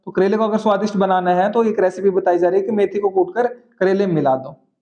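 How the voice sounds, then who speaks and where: Man, exam-prep teacher, high pitch, dull lo-fi recording, repeats phrases, checks understanding. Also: quick pace, mellow. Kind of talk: exam-prep lesson with memory tricks.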